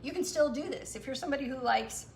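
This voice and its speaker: A woman guest explaining her recipes in a relaxed, casual chat, with lots of fillers. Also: sits high, fast, creaky. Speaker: guest cook. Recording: echoey room with some noise.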